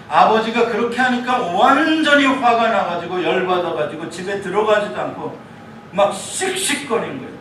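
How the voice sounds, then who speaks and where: Animated preacher in an echoey church. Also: male voice, sits high, recorded from a distance, noisy background. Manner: animated storytelling with rhetorical questions to the congregation. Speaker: pastor. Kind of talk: sermon. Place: church sanctuary.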